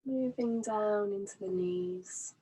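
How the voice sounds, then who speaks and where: Leading a meditation, a woman speaks very slowly and without hurry in a breathy, soft-edged voice of medium pitch. Like a relaxation teacher, she offers each instruction gently and soothingly.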